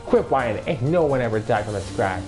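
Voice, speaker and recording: A man's voice: mid-range voice, fairly even intonation, normal speed, music in the background, voice pushed up, natural voice. A man voicing a fierce, tiny old grandmother who talks coarse and blunt. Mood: scornful. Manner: coarse, rough-spoken and scolding.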